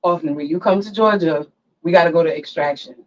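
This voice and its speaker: Sitting in a barber chair, a podcast host talks fast and excitedly into her phone in casual conversation. Her lowish, darkish voice comes through the phone's mic with lo-fi quality.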